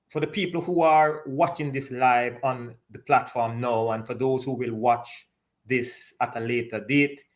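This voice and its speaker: Encouraging host, measured speech. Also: male voice, medium pitch. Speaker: talk show host. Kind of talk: live online interview.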